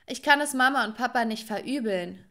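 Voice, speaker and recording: A woman's voice: on the high side, a little fast, bright, forceful tone. A young woman narrating a scripted first-person story and talking straight to viewers.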